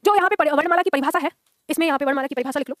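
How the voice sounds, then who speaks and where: A woman's voice: high voice, rapid-fire, no room sound, studio quality. A woman teaching a grammar lesson, explaining step by step and often checking whether her students follow. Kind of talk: classroom lecture.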